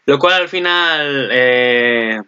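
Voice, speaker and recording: Young guy from rambling on about an anime ep, bright tense voice, kinda muffled lo-fi mic. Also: medium pitch, extremely slow, clean tone. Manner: rambling, excitable, swears casually, frequent restarts. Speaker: anime commentator. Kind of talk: casual recap commentary. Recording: dull lo-fi recording.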